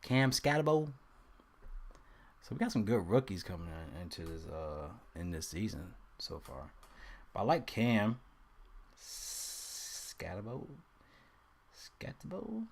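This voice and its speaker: A man's voice: deep voice, lively intonation, a little slow. A man hosting a casual fantasy sports live stream, talking loosely with slang and playfully repeating player names as he tries to say them.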